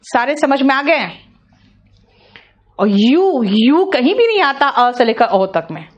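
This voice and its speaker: A woman's voice: high-pitched, sing-song, slow pace. A woman with an Indian accent teaching English pronunciation in an online class, patiently repeating sounds and checking that students follow.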